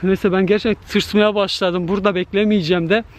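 A man's voice: sits high, fairly even intonation, a little fast. A man vlogging with a handheld camera in an empty park at night, nervous and talking straight to his viewers. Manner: nervous, talks to viewers directly. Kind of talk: night-time scare vlog to camera.

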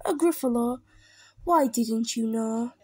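A woman voicing a small, clever, boastful mouse with a bright, cheeky manner. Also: a little high, slow pace, husky. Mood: sly.

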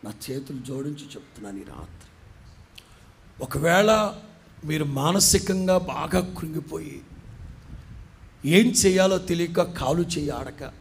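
A man's voice: fairly high pitch, lively intonation, a little slow, vocal fry, pauses often, husky. An Indian man preaching as a pastor, who acts out the voices of the people in the story. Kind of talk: sermon. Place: church.

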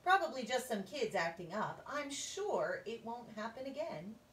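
A woman's voice: fairly high pitch, sing-song, voice pushed up. Viola Swamp, a woman doing a scratchy stern teacher. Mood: bossy. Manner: loud, drawn-out and bossy. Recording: roomy, distant, faint hum.

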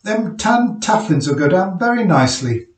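A man's voice: sits high, very animated, reverberant, distant mic, pitched above the performer's own voice. A man doing an easygoing, lazy-mannered miner. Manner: easy, slow-witted, unhurried. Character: big easygoing miner husband, indolent and unbothered.

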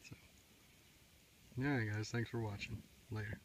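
A man's voice: on the low side, fairly even intonation, unhurried. A middle-aged man, casually vlogging by a creek in the woods, talking in a folksy, rambling way with lots of fillers. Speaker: outdoor survival vlogger. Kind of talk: casual outdoor vlog. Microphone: handheld camera at arm's length. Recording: outdoor camera mic, noisy.

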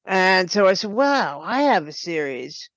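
An older woman, a writer and producer appearing as a podcast guest, tells stories conversationally in a very animated, slightly bright, medium-pitched voice at a measured pace. The audio is slightly dull and lo-fi, like a remote connection, with very little room echo.

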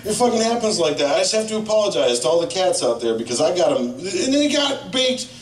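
A man in his thirties with a high-pitched voice performs a profane, rambling stand-up set at a fairly quick clip, telling stories with lively impressions. He's on a handheld mic in a small, echoey bar, filmed by a camera set far off.

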